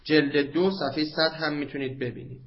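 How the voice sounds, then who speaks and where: Persian seminary teacher lecturing in a dull recording. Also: male voice, a little high, fairly even intonation. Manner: chants Arabic quotations slowly, then talks fast and conversationally. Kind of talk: classroom lecture on Arabic grammar. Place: classroom. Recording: dull lo-fi classroom recording with faint noise.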